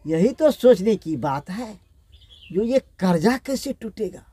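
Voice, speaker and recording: A greedy, scheming friend of a king in a folk tale, full of smug, wheedling reassurance, as a male storyteller plays him. His voice is high and slow. It is recorded dry and close. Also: lively intonation, mellow, breathy edge, no echo, exaggerated voice.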